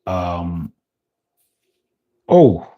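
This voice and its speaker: A man from Africa hosting a football watch-along, giving live match updates and casual news in a deliberate, hesitant way with repeated phrases. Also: low voice, big pitch swings, muffled recording.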